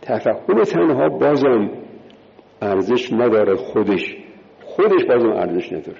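A preacher delivers a religious sermon, counting off his points in order and hammering each home by repeating key words emphatically. His mid-range voice is sing-song with a gravelly edge. The lo-fi recording carries a long, ringing reverb.

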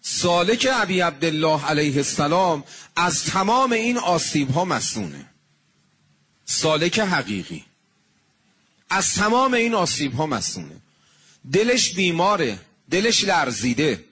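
A man delivers a sermon with a husky, slightly high voice. He tells stories earnestly and slows down on devotional phrases. The tone stays serious and heartfelt. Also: very animated, fairly bright tone. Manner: earnest storytelling preacher, slowing on devotional phrases. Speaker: religious preacher.

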